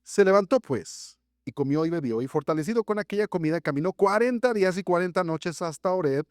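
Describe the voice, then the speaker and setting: Male pastor, dramatic sermon delivery, fairly high voice, dry close sound. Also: expressive, brisk, no echo. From Mexico. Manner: dramatic, acts out voices of the text with big pitch swings. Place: church sanctuary.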